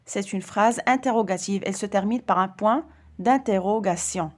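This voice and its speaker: A woman's voice: medium pitch, moderate pace, darkish tone. A woman teaching a grammar lesson to primary school children, speaking carefully and stressing each example sentence.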